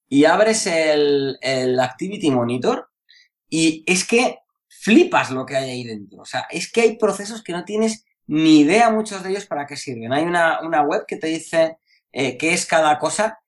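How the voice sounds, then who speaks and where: A man talks shop in a relaxed podcast chat. He rambles, restarts his sentences and drops slang, and his voice sits a little high. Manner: rambling, self-interrupting, colloquial. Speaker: security course instructor.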